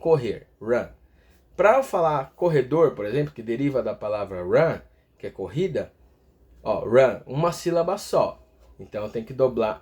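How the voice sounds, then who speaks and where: A man's voice: medium pitch, a little mellow. A man teaching English grammar step by step, often stopping to check in with his viewers. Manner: explains step by step, ends phrases with a checking "tá?". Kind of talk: explaining grammar in a video lesson.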